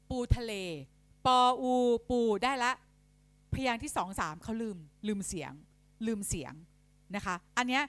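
Brief: woman trainer for teachers, fairly high voice, polite, spells out sounds, dry close recording. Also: dry recording. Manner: demonstrative, sounds out letters and syllables slowly; polite, frequent soft tag particles. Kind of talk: instructional talk to teachers.

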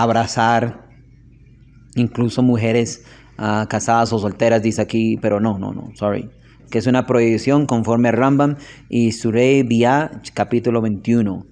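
A man's voice: medium pitch, little pitch movement, measured pace, darkish tone. A man giving an informal religious lesson in a classroom, chatty, often checking in with his listeners and telling anecdotes. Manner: chatty, asks "¿ok?" often, tells anecdotes with laughter. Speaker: religious teacher.

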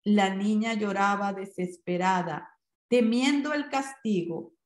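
A woman narrating a short story in a measured, expressive reading voice. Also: mid-range voice. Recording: roomy echo.

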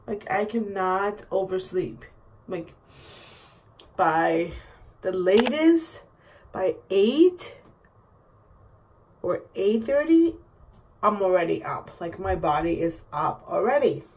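Filming in a small home bathroom with her phone or camera about an arm's length away, a relaxed woman talks through her skincare routine in both Spanish and English, vlog-style. Her medium-pitched voice moves slowly, pausing often, and the recording is clearly noisy.

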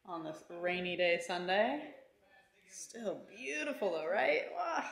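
A woman's voice: mid-range voice, sing-song, slow pace, creaky, reverberant. A young woman talking casually to camera as a bike touring vlogger, chatty and upbeat, with many fillers. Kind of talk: casual vlog chat. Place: outdoors and at a house, on a rainy day.

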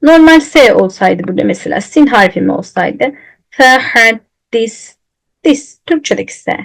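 A woman teaching Quran recitation, patiently demonstrating letter sounds and repeating them slowly. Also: medium pitch, animated, creaky, rough recording. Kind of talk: recitation lesson.

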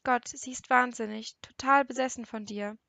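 A grief-stricken middle-aged father breaks down and pleads in a tearful, cracking voice, as a woman reads him. The reading sits on the higher side and is recorded close and dry, like a storybook narration. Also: steady tone, normal speed, vocal fry, pushed and bright, dry recording. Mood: distraught.

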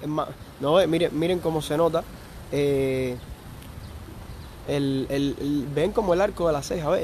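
A man's voice: on the high side, darkish tone, slight background noise. Chatty Cuban man on a live stream. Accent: Cuban Spanish. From Cuba. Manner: chatty, reads viewer comments aloud and answers them. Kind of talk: casual live stream chat.

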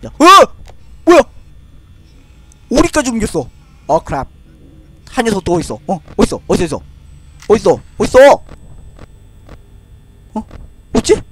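A man's voice: high-pitched, huge pitch swings, moderate pace, long pauses, darkish tone, slightly rough. A young man giving live horror game commentary, scared and jumpy, exclaiming and repeating his words in panic. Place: indoor room at a desk, streaming with webcam.

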